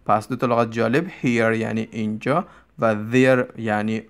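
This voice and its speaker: Male English teacher, gravelly mid-pitched voice, brisk explanations with slow, careful example sentences. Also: steady tone. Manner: explains in Persian, reads English examples slowly and deliberately. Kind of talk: Persian-language English vocabulary lesson.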